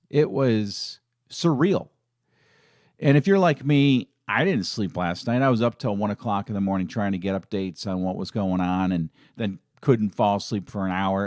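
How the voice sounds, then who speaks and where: A man's voice: lowish voice, a little mellow, no echo, clean studio sound. Emotional man hosting a casual live stream. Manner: emotional, rambling, with many restarts. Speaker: fan channel host.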